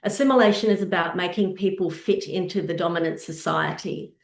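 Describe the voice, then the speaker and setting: A woman's voice: on the low side, vocal fry. Earnest woman presenting, roomy echo. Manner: earnest, measured, posing rhetorical questions. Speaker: presenter on intercultural practice. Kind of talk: presentation with slides.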